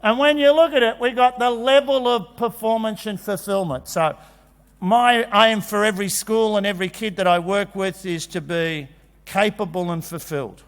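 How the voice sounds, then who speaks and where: A man gives a jokey, animated talk at a conference, acting out kids' voices. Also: sits high, normal speed. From Australia. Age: 50s. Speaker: conference speaker. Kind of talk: energetic presentation. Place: large conference hall. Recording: long hall reverb.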